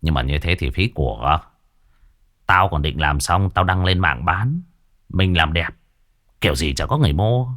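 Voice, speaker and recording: Resigned young craftsman voiced by a man, grumbling, low voice, lively pitch, audio story. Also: moderate pace, long pauses. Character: weary, scruffy young man, a gifted craftsman.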